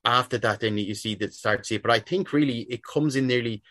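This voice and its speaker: A man's voice: mid-range voice, quick pace, fairly bright tone, dry recording, studio quality. A middle-aged man with a west of Ireland accent talking casually and chattily in an interview, often circling back and restarting his phrases. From Sligo, west of Ireland. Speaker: interview guest, football jersey collector.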